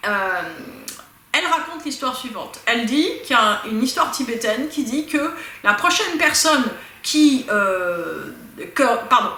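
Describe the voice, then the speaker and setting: A woman giving a casual spiritual talk, lively and animated, speaking straight to her listeners with many asides. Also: on the high side, echoey room. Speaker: spiritual teacher.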